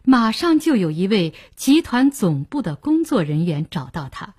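Breathy female audiobook narrator. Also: medium pitch, sing-song, normal speed, a little mellow. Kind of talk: scripted narration.

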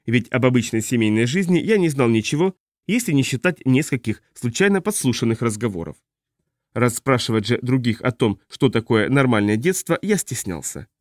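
A man narrates a science fiction audiobook in the first person, keeping a measured, calm pace. His voice sits at medium pitch, and the clean studio recording has no echo.

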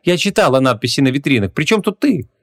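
A man voicing a bold, sharp-tongued young woman who talks brashly and with disbelief. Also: on the high side, sing-song, fast, creaky, voice pushed up, full character voice. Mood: agitated. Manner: brash, incredulous.

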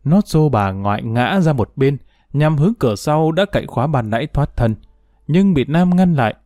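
A man narrating a dramatic audio story with expressive, emotional delivery. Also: fairly high pitch, moderate pace, no echo, studio quality.

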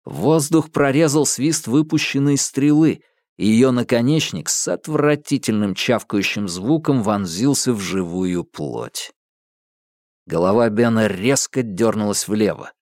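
A man narrates a novel in a measured, dramatic storytelling voice of middle pitch. He builds tension steadily. The recording is close and completely dry. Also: a little mellow, no echo. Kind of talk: audiobook narration.

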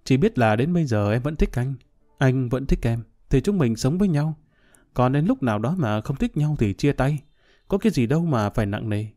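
A man voicing a sly, scheming middle-aged man who brushes off worries in a smooth, dismissive way, in a storybook reading. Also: medium pitch, expressive, moderate pace, dark tone, lightly acted. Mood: smug.

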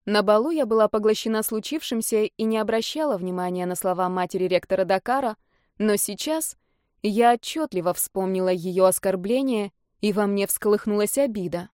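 Lady reading a fantasy novel in first person, even steady delivery, dry and close. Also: mid-range voice, normal speed, dry recording. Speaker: audiobook narrator.

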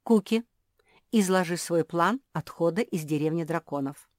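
A woman's voice: on the low side, moderate pace, no room sound, clean studio sound, close to an everyday voice. Woman doing a stern lecturing male pug. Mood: demanding. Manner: formal, pedantic, scolding.

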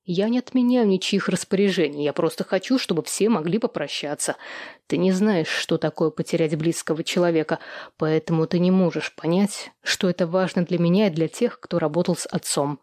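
A young man speaks calmly and firmly, with a cutting edge, read by a woman narrator. The voice sits close and dry, with no room echo. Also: on the low side, a little fast, close to an everyday voice. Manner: calm, firm and cutting. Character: calm, firm young man standing his ground.

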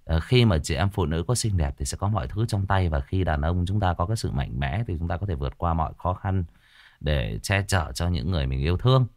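A man's voice: deep voice, lively intonation, brisk, darkish tone. Joking male livestream host. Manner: joking, teasing banter. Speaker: livestream host reading ghost stories. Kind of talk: casual livestream chat greeting viewers.

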